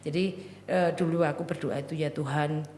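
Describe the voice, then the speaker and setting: A woman's voice: deep voice, steady tone, normal speed, darkish tone, slight background noise. A woman, a guest talking in a casual, playful, joking way, slipping into local phrases. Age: 40s. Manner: playful, jokey, drops into Javanese phrases. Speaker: guest artisan. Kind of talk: casual podcast chat. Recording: echoey room with long reverb and faint ambience.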